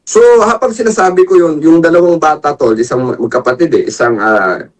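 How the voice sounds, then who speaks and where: A man tells a long story from his job as a jail investigator in an animated, chatty way. He keeps checking in with his listener through small tag words. His voice sits a little high and a bit away from the microphone. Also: brisk, recorded from a distance. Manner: animated, peppers speech with "tol, no?". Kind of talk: casual storytelling in a talk show.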